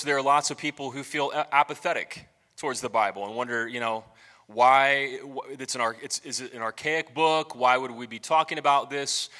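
A man's voice: medium pitch, bright, forceful tone, big-room sound. A man preaching a sermon as pastor, talking conversationally and asking the congregation questions.

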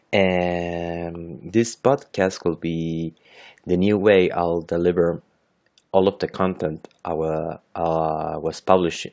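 A Chilean man in his thirties with a deep, slightly mellow voice hosts a solo English podcast, unscripted. A native Spanish speaker with a Chilean accent, he sounds hesitant, using lots of fillers and correcting himself often.

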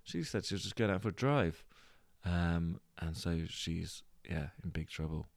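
A man's voice: low-pitched, lively intonation, measured pace, creaky, no room sound. A British man hosting a podcast, retelling a story in a rambling, hesitant way with lots of fillers and restarts. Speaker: podcast host.

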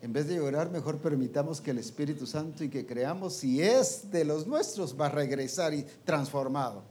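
A man's voice: a little high, lively intonation, normal speed, a little mellow, a little hiss or hum. Man preaching, quizzing his listeners. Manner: colloquial, trailing "pues" and "¿va?". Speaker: preacher teaching a ministers' meeting. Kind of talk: interactive sermon.

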